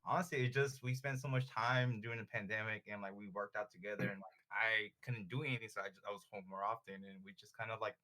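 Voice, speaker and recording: A man's voice: on the low side, fairly even intonation, quick pace, hardly any pauses, pushed and bright, rough recording. A young man with a Californian Bay Area accent telling stories casually as a podcast guest, in slangy, sweary frat-bro talk. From born in Southern California, raised in Richmond, California. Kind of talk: casual chat and storytelling.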